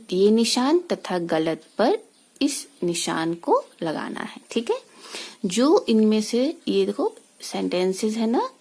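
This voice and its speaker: A woman teacher, slowly talking young children through a school exercise and asking them easy questions along the way. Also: mid-range voice, a little mellow. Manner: slow, patient explaining with many rhetorical questions. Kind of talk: recorded lesson for young children.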